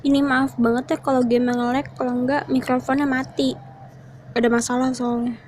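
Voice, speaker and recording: Female horror game streamer, high voice, casual self-muttering play-by-play, some background noise. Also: little pitch movement, moderate pace, a little mellow. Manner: muttering to self, repeating short words while reacting. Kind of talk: casual gaming commentary, explaining to viewers while playing.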